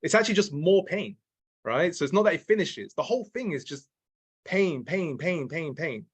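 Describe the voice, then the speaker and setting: A man's voice: a little high, lively intonation, normal speed, slightly rough. A man teaching sales calls in a casual, repetitive way, restarting his sentences and checking in with "okay?" and "right?" as he goes. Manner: drops in mild swearing. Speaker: sales trainer. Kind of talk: casual training talk.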